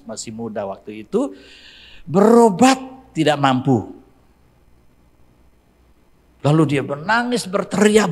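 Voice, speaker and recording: A male pastor, preaching a sermon to his congregation in an animated way, rising to emphatic exclamations. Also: mid-range voice. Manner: addresses congregation directly.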